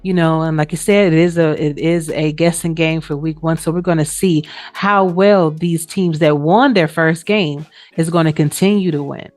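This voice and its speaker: A sports league player doubling as the show's co-host, this woman talks through a laid-back recap in colloquial style with trailing "you know"s. Her deep, slightly mellow voice holds fairly even intonation at normal speed, with few pauses. Music sits behind her in a roomy, echoing space.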